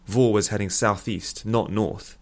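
A man narrating a fiction story aloud in a steady storytelling manner. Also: on the low side, a little slow.

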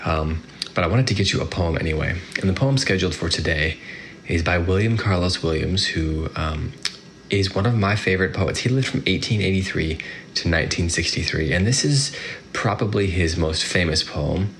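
Very deep-voiced man hosting a poetry podcast. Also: moderate pace, fairly bright tone. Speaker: podcast host. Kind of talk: poetry podcast talk with readings. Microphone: iPhone. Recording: hollow phone recording, faint background noise.

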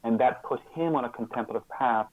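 A male guest in an interview speaks reflectively and haltingly at a medium pitch, often repeating words and starting sentences over. The audio is narrow and tinny, with no echo.

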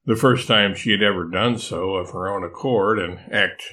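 An older man reading a children's storybook chapter aloud as its narrator, unhurried and expressive. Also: low-pitched. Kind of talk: scripted narration.

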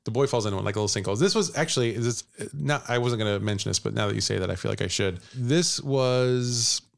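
A man's voice: medium pitch, quick pace, creaky. A man hosting a podcast, telling a ghost story in casual chat, rambling and laughing often. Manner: laughing, rambling, puts on quoted voices.

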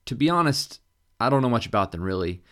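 A man's voice: medium pitch, very animated, quick pace, fairly bright tone. A man voicing a nervous young man at a job interview who talks hesitantly and sometimes stammers.

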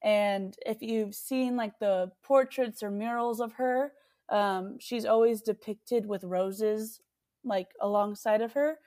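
A woman's voice: mid-range voice, steady tone, takes it slowly, warm tone. A young woman from the United States, a singer-songwriter guest chatting casually in an interview, full of fillers and restarts.

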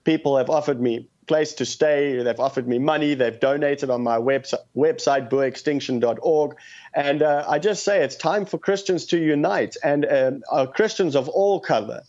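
At normal speed, a South African man with a fairly high, darkish voice pleads his case earnestly and passionately as a call-in show guest. The phone-in audio is muffled and lo-fi.

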